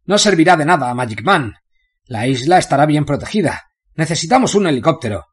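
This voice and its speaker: A man doing an eager husky prisoner sidekick. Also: fairly high pitch, a little fast, voice pushed up. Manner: eager, flattering. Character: cocky fawning male prisoner sidekick.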